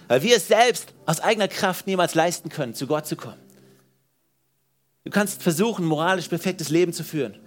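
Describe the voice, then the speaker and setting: A pastor preaching a sermon in church, lively and emphatic. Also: male voice, sits high. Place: church service.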